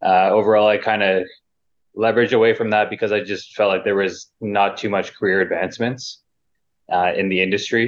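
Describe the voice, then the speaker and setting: Man student panelist, very low voice, relaxed and casual; dull remote sound. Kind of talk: podcast interview answers.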